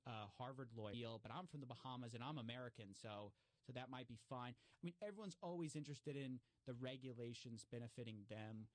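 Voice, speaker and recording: Animated man explaining in casual chat. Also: medium pitch, dry recording. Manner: animated storyteller with many fillers and restarts.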